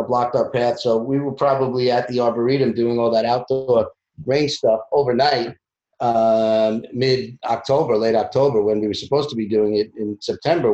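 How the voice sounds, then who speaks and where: Halting man with a roomy, dull sound. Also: medium pitch, darkish tone. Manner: halting, full of "you know" fillers. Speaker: film producer, interview guest. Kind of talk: casual interview conversation.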